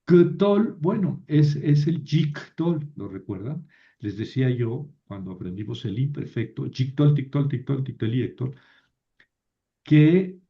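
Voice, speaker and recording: A man teaching a language lesson, reading Hebrew aloud slowly and checking in with his students. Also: mid-range voice, vocal fry. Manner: reads Hebrew aloud slowly, with many fillers and rhetorical checks. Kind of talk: lecture. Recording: dull lo-fi recording.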